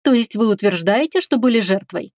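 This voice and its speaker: A woman voicing a haughty middle-aged high priestess in an audiobook, speaking slowly, coldly and with disdain. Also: lively intonation, no echo, clean studio sound, natural voice. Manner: cold, slow and disdainful.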